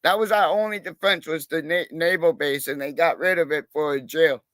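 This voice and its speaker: A man with a fairly high voice rambles through a casual livestream chat, swearing freely and leaning on fillers. The sound is dry and close, with no room around it. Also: steady tone, normal speed, fairly bright tone, dry recording. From Massachusetts, USA. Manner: rambling, profane, with many fillers. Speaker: livestream guest, cop watcher.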